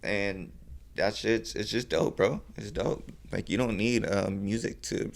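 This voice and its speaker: Young guy, low gravelly voice, pretty flat delivery, loose rambling podcast talk full of swearing. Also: a little slow. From California. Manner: laid-back, rambling, heavy swearing and fillers. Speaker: podcast guest, battle rapper. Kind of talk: casual podcast chat.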